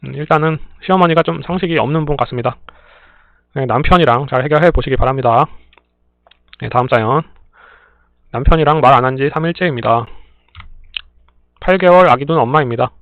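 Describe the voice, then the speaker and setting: A man reading listener stories aloud in a plain, steady way, adding brief dry remarks between them. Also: medium pitch, fairly quick, pauses often, no room sound. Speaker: story reader and channel host. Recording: tinny phone-like dry sound.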